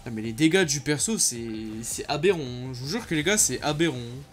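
A young man, giving casual commentary over his own gameplay and reacting loudly to what happens on screen. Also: medium pitch, fairly quick. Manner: excitable, slangy, reacts loudly to the game. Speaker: gaming YouTuber. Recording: faint music behind.

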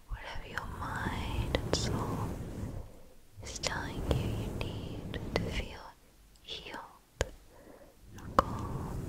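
A woman whispering ASMR positive affirmations in a gentle, soothing manner, repeating phrases. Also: low-quality recording. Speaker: ASMR creator.

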